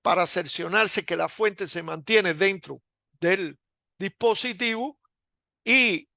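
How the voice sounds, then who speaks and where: A man delivers a recorded lecture in a fairly high, gravelly voice with a bright edge. He speaks slowly and deliberately, pausing often and restarting phrases. The sound is dry and close. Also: no room sound. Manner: slow and deliberate with frequent hesitations.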